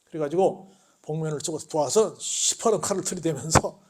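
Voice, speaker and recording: A man's voice: on the high side, brisk, noisy background. A male pastor preaching a sermon in a church, asking the congregation questions and telling stories with animation. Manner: call-and-response questions, animated storytelling. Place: church sanctuary.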